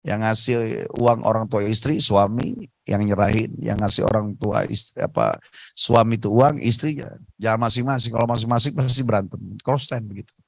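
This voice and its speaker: A man preaching on a radio talk show, telling stories in a lively, emphatic way. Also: lowish voice, brisk, creaky, no room sound, poor audio. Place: radio studio.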